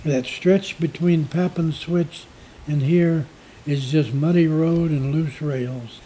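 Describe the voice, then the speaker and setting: A man voicing a calm, folksy old-time train engineer. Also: fairly high pitch, slow pace, a little hiss or hum, poor audio. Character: plain-spoken male train engineer, calm.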